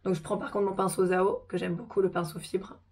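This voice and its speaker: Hoarse, chatty woman vlogger. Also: mid-range voice, level tone, a little fast, a little mellow. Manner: chatty, informal, slangy. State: hoarse from a sore throat. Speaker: makeup tutorial host. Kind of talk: casual makeup tutorial vlog.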